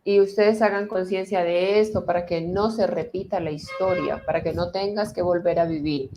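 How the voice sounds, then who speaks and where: A middle-aged woman therapist speaking slowly and calmly, guiding listeners through a reassuring talk that answers their questions. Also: fairly low pitch, a little hiss or hum. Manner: calm, slow, reassuring guidance with pauses. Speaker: transgenerational therapist.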